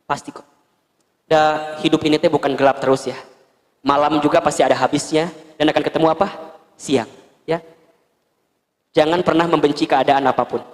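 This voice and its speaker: A male Islamic preacher with a Sundanese accent, giving a lively sermon to women and acting out scenes with gentle humor. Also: fairly high pitch, moderate pace, long pauses. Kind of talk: sermon to a women's study group. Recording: long hall reverb.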